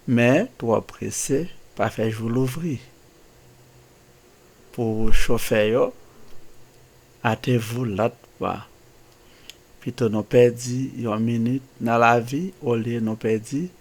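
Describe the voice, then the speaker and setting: Haitian-accented man, daily saints host, unhurried delivery, proverbs and scripture, exhorting tone. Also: mid-range voice. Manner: exhorting, strings of proverbs and Bible verses. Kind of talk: spoken religious reflection.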